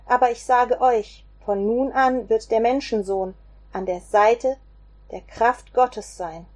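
A woman voicing a calm male teacher in a slow, measured, solemn way. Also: a little high.

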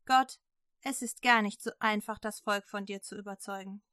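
A woman's voice: mid-range voice, steady tone, normal speed, sharp tone, no echo, clean studio sound, close to an everyday voice. A woman voicing a worn-out male prophet who talks in earnest, sighing pleas. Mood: earnest weary.

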